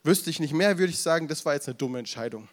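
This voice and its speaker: A man's voice: on the high side, animated, quick pace. A man preaching a casual youth sermon, retelling the story with slang, acting out the crowd's voices and breaking off for asides to the audience. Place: event room with audience, drinking beer.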